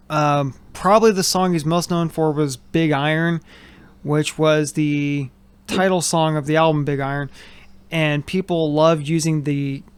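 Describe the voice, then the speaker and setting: A man's voice: fairly high pitch, smooth, no room sound. Joking man rambling in a home studio. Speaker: host. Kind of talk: casual chat. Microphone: headphones with mic.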